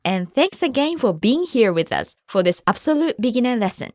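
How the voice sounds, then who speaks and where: A woman's voice: a little high, sing-song, normal speed, darkish tone, dry recording, clean studio sound. A woman co-hosting a language lesson podcast, explaining words in a friendly, scripted way.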